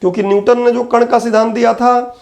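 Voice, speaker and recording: A man's voice: very high voice, flat delivery, brisk, vocal fry, a little mellow. A man teaching an exam-prep physics lecture, patiently repeating key terms and answering his own questions.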